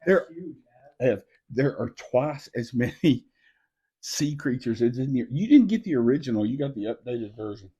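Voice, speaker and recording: Husky-voiced middle-aged man, playful. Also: mid-range voice, expressive, normal speed, lo-fi sound. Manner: playful and teasing, dropping to a soft hushed voice. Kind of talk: casual live video chat with a child.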